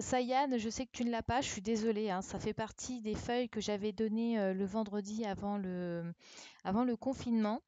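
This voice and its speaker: Correcting a primary class over a home live stream, a woman speaks slowly to the children, staying patient and encouraging as she repeats every answer. Her voice is mid-range and a little mellow, recorded dry on a computer mic with the highs cut off.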